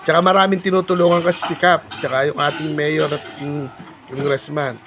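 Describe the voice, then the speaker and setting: A man vlogging in a polite, chatty way, halting with fillers, recorded outdoors at a rural home. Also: a little high, flat delivery. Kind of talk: casual vlog chat.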